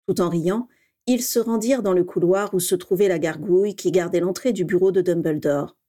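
A woman's voice: fairly low pitch, a little fast, mellow. French woman reading a story aloud. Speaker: reader.

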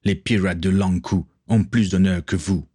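Guy doing young noble hothead, low voice, earnest, storybook read. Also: steady tone, normal speed, mellow, breathy edge, dry recording, studio quality. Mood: heated. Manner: earnest, heated. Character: young English nobleman, proud and angry.

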